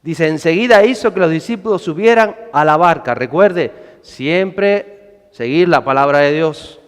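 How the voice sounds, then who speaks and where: A man preaching a sermon, animated, acting out scenes with shouts and character voices. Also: fairly high pitch, unhurried, smooth. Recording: hall reverb.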